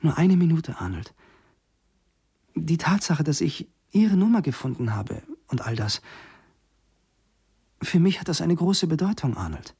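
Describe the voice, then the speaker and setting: A man's voice: fairly high pitch, very animated, unhurried, pauses often, warm tone, slightly rough, voice pushed up, exaggerated voice. A man voicing a lonely woman who pleads urgently on the phone. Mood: insistent.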